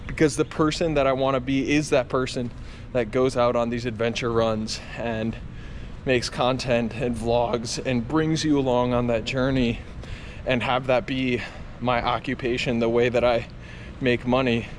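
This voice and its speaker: A man films himself talking outdoors, with faint street noise around him. His voice sits at an ordinary pitch. He speaks earnestly and confessionally, like a running vlogger thinking aloud. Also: flat delivery, measured pace. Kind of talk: reflective vlog talk to camera. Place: outdoors on a campus. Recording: clear outdoor traffic and ambient noise.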